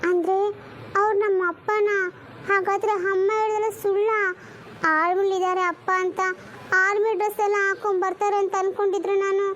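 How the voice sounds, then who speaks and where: A woman's voice: very high voice, flat delivery, normal speed, fairly bright tone, highs cut off, a little hiss or hum. A woman voicing a chatty, greedy little boy who loves snacks, talking in a whiny, pleading way. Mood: puzzled.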